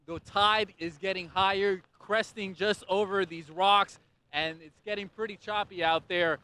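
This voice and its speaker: A man's voice: high-pitched, fairly even intonation, a little slow, bright, forceful tone, clean tone. A man reporting live for TV news from a windy beach, with an urgent, projected delivery. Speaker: field reporter.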